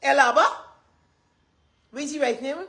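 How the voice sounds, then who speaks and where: A woman's voice: sits high, moderate pace, fairly bright tone. A woman with a Guyanese accent gives an impassioned, rambling live address as a community advocate, repeating her points with emphasis.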